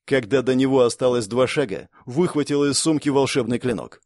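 A man narrating a fantasy audiobook in a steady storytelling manner. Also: mid-range voice, a little fast, dry recording, clean studio sound.

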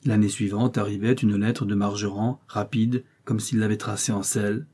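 A man reading a short story aloud in a measured narrating manner, raising his voice for the characters' lines. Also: little pitch movement, dark tone, breathy edge. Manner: measured, voicing characters' lines with raised pitch.

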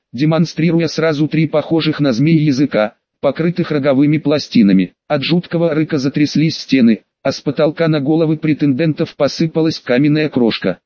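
A man giving a measured, dramatic reading as an audiobook narrator. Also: a little high, darkish tone, no echo, muffled recording.

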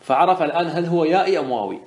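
A man's voice: fairly high pitch, lively intonation, very fast, reverberant. A man teaching Arabic morphology as a sheikh, patiently explaining step by step and answering his own questions. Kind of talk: classroom lesson.

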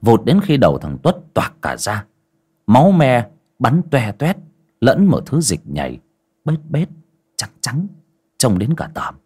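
A man narrating a horror story with dramatic, expressive delivery. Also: mid-range voice, unhurried, pauses often, husky.

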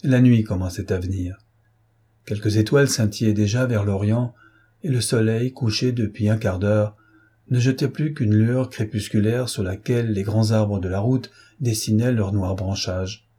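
A man reading a novel aloud as an audiobook narrator, in a measured storytelling manner. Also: on the low side, fairly even intonation, dark tone, breathy edge. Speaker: audiobook reader.

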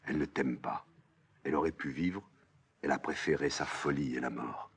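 A man reading a play aloud, voicing a weary, stern king who speaks gravely and with resignation. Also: extremely low pitch, fairly even intonation, moderate pace.

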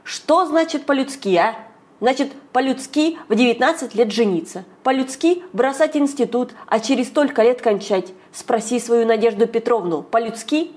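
A woman voicing an exasperated young father who argues loudly and lectures his wife. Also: a little high, normal speed, close to an everyday voice. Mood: indignant. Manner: loud, lecturing.

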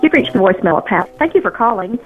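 A woman's voice: medium pitch, animated, fast talker, soft background music. A woman's polite, scripted voicemail greeting, heard through a phone line. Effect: voicemail greeting heard over the phone.

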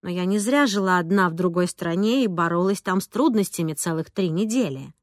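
A young woman narrating a story in first person, with lively, expressive delivery. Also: fairly low pitch, fairly quick, no echo, clean studio sound. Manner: lively, expressive dialogue reading. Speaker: audiobook narrator.

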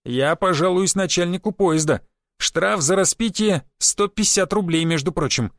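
Brief: male narrator doing a bossy, plump conductress who scolds passengers, pitched up. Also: moderate pace, dry recording, studio quality. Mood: stern. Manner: strict, scolding, then mocking. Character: stern stout middle-aged female train conductor.

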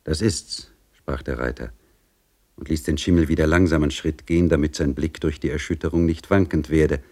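A man with a very low voice reads a classic novel aloud in a measured, scripted way. He drops soft and quiet in the tense passages. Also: fairly even intonation. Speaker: audiobook reader.

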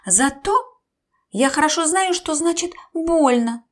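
A woman's voice: high voice, unhurried, voice pushed up. A woman doing a ringing-voiced little bird. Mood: indignant. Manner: earnest, scolding.

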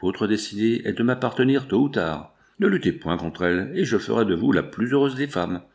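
A man's voice: on the low side, expressive, brisk. A man reading an audiobook voices a passionate, brooding factory foreman who pleads insistently. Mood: fervent. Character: passionate working-class foreman, brooding and intense.

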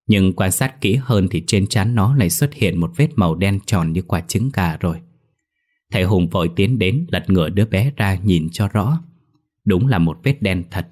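Deep-voiced man narrating a ghost story. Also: a little mellow.

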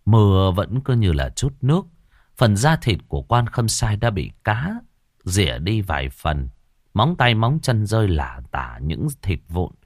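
Male horror narrator, lively pitch, dry close sound. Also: a little slow, no echo. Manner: dramatic, dark storytelling. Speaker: storyteller.

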